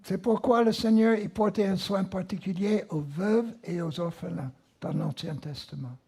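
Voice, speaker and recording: A man's voice: high voice, moderate pace, creaky, warm tone, slightly rough. A man with an American accent preaching a sermon, repeating key words for emphasis. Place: church.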